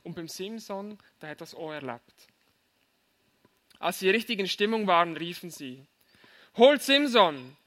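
A man preaching to young people, telling a lively story and asking his listeners direct questions. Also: on the high side.

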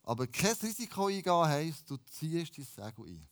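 A pastor preaching a lively, casual sermon and dropping in English phrases. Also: male voice, a little high, normal speed.

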